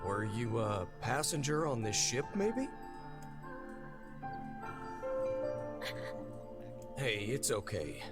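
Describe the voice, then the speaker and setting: An actor playing a young male hero in a video game, speaking in a calm, reassuring way. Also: mid-range voice, measured pace, music in the background, close to an everyday voice. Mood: gentle. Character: young male hero exploring a wrecked ship.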